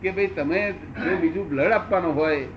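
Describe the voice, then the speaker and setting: A man in his seventies answering questions as a spiritual teacher, unhurried and repeating phrases for emphasis. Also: a little high, muffled recording, slight background noise. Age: 70s.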